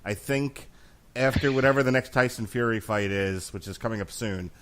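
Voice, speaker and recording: A man's voice: lowish voice, moderate pace, fairly bright tone. A man hosting a boxing commentary show, talking casually with joking, mock-formal flourishes. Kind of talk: casual sports talk, joking introductions.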